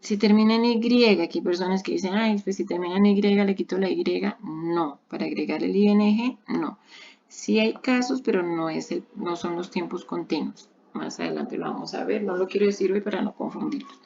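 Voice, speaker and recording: A woman teaches English grammar in a recorded online lesson. Her voice sits low, with a gravelly edge. She explains patiently, step by step, repeating each example, and the recording sounds dull and lo-fi. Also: normal speed, a little mellow, a little hiss or hum.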